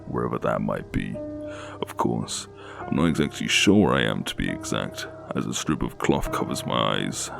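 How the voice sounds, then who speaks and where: A man with a low, haunting voice narrating a scripted scary story. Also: vocal fry.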